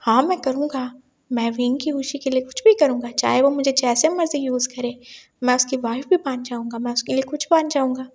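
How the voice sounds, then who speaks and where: A woman's voice: high-pitched, steady tone, a little fast, a little mellow. A woman voicing a nervous, flustered young man who stammers and gives in.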